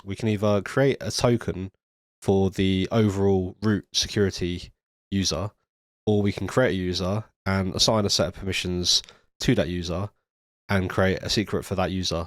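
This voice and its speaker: A man's voice: sits low, no room sound. A man narrating a screen-recorded coding tutorial step by step, ill and with a nasal, stuffy voice, speaking into a studio microphone. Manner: steady step-by-step explaining with occasional ums. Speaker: tutorial presenter. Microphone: studio USB microphone.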